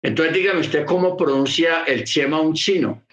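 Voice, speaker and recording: A man's voice: on the high side, normal speed, fairly bright tone, reverberant. A man preaching a sermon, explaining patiently and repeating key phrases for emphasis. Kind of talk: sermon teaching.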